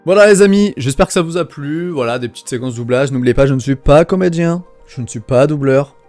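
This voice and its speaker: A man's voice: a little high, fairly quick, a little mellow, faint music behind. A man presenting casually to his viewers as an amateur YouTuber, with a self-deprecating, jokey manner.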